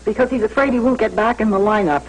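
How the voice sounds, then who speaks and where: An actress in a 1980s TV soap playing a worried, loyal wife of a football player who talks in an earnest, chatty way. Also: female voice, a little high, fast, lightly acted, poor audio. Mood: concerned. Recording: old TV recording with faint hiss.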